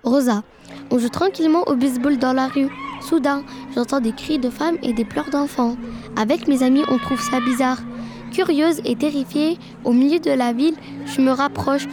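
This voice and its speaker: Distraught young girl, played by a woman, high-pitched, tearful. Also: moderate pace, lightly acted. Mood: grieving. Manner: tearful, pleading. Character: distraught young girl who lost her father. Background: background music.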